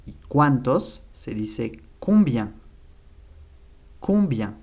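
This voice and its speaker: A man teaching an online language lesson, explaining step by step and repeating each example word slowly and clearly. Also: mid-range voice, a little mellow. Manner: slow, careful repetition of example words.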